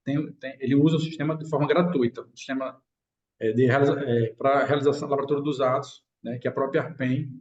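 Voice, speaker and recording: A man's voice: mid-range voice, fairly even intonation, quick pace, a little mellow, roomy sound, dull audio. A man opens an online meeting, hesitant and full of fillers, his audio choppy and breaking up over the video call. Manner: hesitant, many fillers and restarts. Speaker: meeting organizer.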